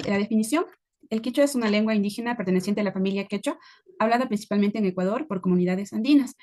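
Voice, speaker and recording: Fast-talking woman presenting. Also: mid-range voice, a little mellow. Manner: reading a prepared introduction. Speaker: student presenter. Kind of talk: class presentation.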